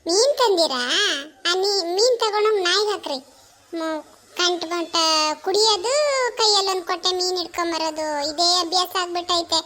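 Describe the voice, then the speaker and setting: Brief: nagging, fed-up village wife, very high piercing voice, skit comedy. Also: female voice, fairly even intonation, normal speed, a bit bright. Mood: angry scolding. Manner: scolding, grumbling lament.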